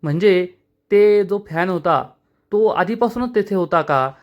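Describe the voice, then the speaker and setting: A man voicing a young businessman hero from a TV serial, measured and questioning, calm but firm. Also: sits high, dull audio.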